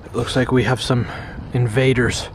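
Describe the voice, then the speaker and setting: A man's voice: medium pitch, fairly even intonation, normal speed, background noise. A young man vlogging outdoors by a lake, narrating in a playful, mock-dramatic pirate manner.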